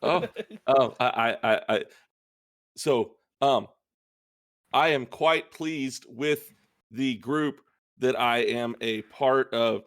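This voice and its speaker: A man guesting on a podcast, telling stories in a halting way with many fillers. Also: mid-range voice, fairly bright tone. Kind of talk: casual group podcast banter.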